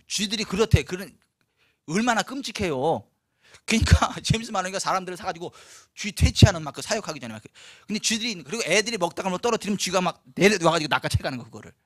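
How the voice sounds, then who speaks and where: High, bright-voiced pastor preaching. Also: male voice, no room sound, studio quality. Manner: animated, acts out quoted voices, laughs often. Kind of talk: storytelling sermon. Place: church.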